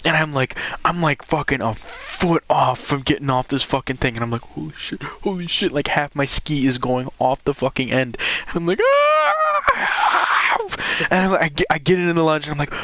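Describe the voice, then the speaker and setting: Bright-voiced young man telling a profane story. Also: on the high side, a little fast, hardly any pauses, a little hiss or hum. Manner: profane, animated storytelling with shouted reenactments. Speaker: podcast host. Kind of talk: casual chat.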